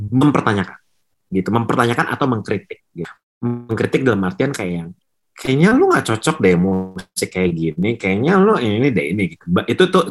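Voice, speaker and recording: A young male musician talking through an interview in a low, husky voice. He hesitates often, restarts his sentences and fills pauses as he searches for words, slipping English phrases into casual speech. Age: young adult. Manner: hesitant, many fillers and restarts, mixes in English. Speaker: musician guest.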